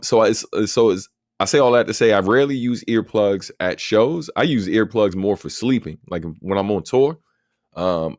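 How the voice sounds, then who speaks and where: Hosting a relaxed livestream Q&A, a man with a very deep, low voice chats easily and at length, dropping plenty of "um" and "like". The recording is dry and close, with no room echo.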